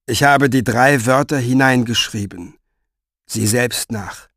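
A man reading an audiobook, voicing a wounded grown man who speaks slowly, quietly and firmly. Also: no room sound, studio quality. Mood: defiant. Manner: slow, low, quietly firm. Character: weary, wounded grown man, defiant and calm.

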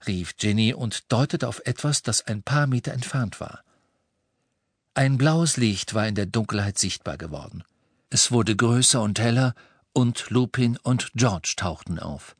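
A man reading a storybook aloud in an even, measured narration. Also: lowish voice, slightly rough, no room sound. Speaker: audiobook narrator.

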